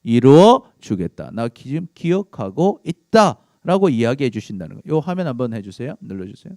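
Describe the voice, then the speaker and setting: A man's voice: medium pitch, sing-song, a little fast, a little mellow, no echo, studio quality. A man preaching a sermon to a youth service, asking his listeners questions and acting out the lines he quotes. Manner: asks the audience questions and answers them, acts out quotes. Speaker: youth pastor. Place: church worship service.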